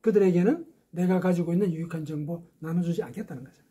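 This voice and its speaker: A man's voice: fairly high pitch, quick pace, warm tone, slightly rough. A man preaching a sermon as a pastor, explaining step by step with rhetorical questions.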